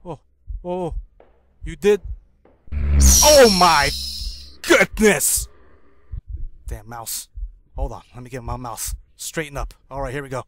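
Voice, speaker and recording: A man's voice: mid-range voice, animated, normal speed, pauses often, a little mellow, slight background noise. A man giving horror game commentary, jumpy and swearing, with sudden yelps. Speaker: gaming YouTuber.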